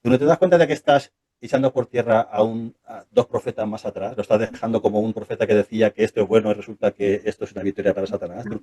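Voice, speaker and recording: A man speaks quickly in a casual interview, his voice dark and mellow. He keeps doubling back with restarts and firing off rhetorical questions, animated the whole way. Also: fairly low pitch. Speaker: interview guest, former church member.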